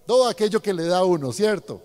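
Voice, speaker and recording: A man preaches a sermon, speaking directly to his congregation and often asking them questions. His voice sits high for a man. It rings with the long reverb of a large hall. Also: animated, fast talker, darkish tone.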